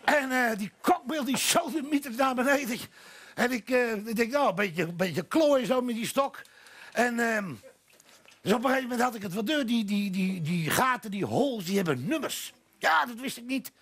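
Husky high-voiced man telling jokes. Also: lively intonation, normal speed, a bit bright. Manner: rambling anecdotal delivery with many fillers and restarts. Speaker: guest storyteller. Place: village café talk show before a live audience.

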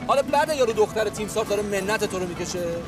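A man's voice: high voice, expressive. An actor playing a pushy, ambitious young man who insistently and teasingly coaxes his friend, with a music score underneath. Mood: coaxing. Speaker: scheming friend. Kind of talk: period TV drama acting.

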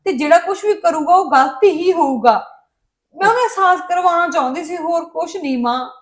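A bitter, resolute young daughter, played by a woman, presses her mother in a family drama scene. Her voice sits a little high, and her words come out indignant and insistent. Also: close to an everyday voice. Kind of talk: Punjabi family drama dialogue.

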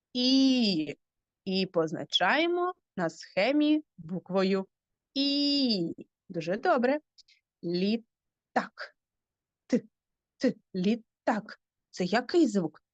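Woman, children's phonics teacher, very slow, sing-song, fairly high voice, video call, dry slightly muffled sound. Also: no room sound. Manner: drawn-out words, rising questions to the children.

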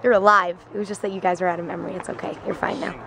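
A young woman with a slightly raspy voice, vlogging in a chatty, giggly, rambling way from a film set where she works as a stunt performer. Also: lowish voice, level tone, very fast, fairly bright tone, slight background noise. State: voice sounding raspy. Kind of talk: casual vlog chat.

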